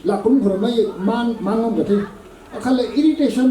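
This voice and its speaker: A man preaching a sermon at a prayer meeting, measured and slow, with English words slipped in. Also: very high voice, dark tone. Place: prayer gathering hall. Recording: echoey hall, voice from a distance.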